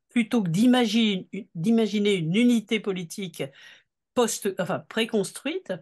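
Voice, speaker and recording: Earnest, deliberate woman speaking at a seminar. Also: medium pitch. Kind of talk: unscripted political seminar talk.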